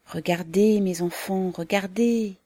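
A woman's voice: mid-range voice, slow, dark tone, dry recording. A woman voicing a timid older mother. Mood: gentle, humble. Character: shy, humble older working mother.

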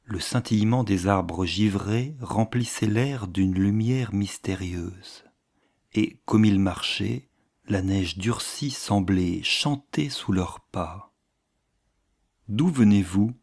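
A man narrating a classic novel aloud in a measured, literary way. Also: lowish voice, vocal fry, darkish tone. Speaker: audiobook narrator.

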